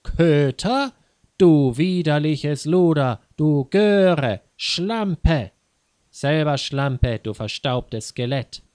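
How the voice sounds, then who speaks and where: A man's voice: medium pitch, lively intonation, slow pace, dry recording, clean studio sound. A man voicing a furious middle-aged widow who screams insults and scorns her rival. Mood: enraged. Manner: shrieking insults, scornful and self-righteous.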